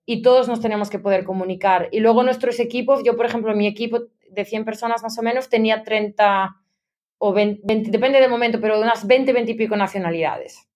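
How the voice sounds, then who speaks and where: A woman's voice: fairly high pitch, fairly even intonation, fairly quick, a little mellow. A woman in her thirties from Spain, a guest in a conversational interview, chatty and mixing English business terms into her talk. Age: 30s. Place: London.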